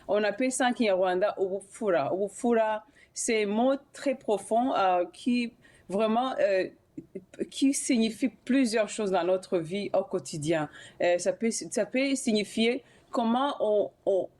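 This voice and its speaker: A woman's voice: medium pitch, a little slow, darkish tone. A woman, a singer interviewed as a guest on a TV studio show. She speaks hesitantly, with many fillers and restarts. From Burundi.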